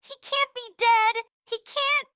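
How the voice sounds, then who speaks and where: A very high, piercingly bright little cartoon girl, played by a woman. She pleads in frantic, grief-stricken disbelief, excitable and youthful. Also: moderate pace, dry recording, studio quality, heavily acted.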